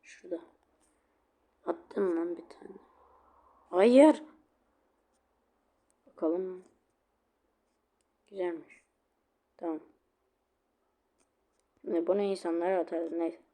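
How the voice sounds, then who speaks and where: A male gaming creator giving casual commentary over his match, chatty and quick to get annoyed when the game freezes. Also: high voice, mellow. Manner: chatty, easily annoyed, swears at lag; repeats a sing-song catchphrase.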